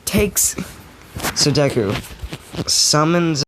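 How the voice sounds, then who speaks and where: A man's voice: a little high, lively intonation, drawn-out words. A man casually telling an improvised fan story, rambling and often correcting himself. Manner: rambling, with many self-corrections and fillers. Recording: noisy home recording.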